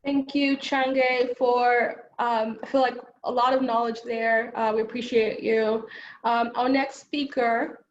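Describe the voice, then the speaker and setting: A woman moderating a webinar over a video call, introducing the next speaker in a halting way with many fillers. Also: fairly high pitch, little pitch movement. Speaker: facilitator. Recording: dull lo-fi call audio with faint noise.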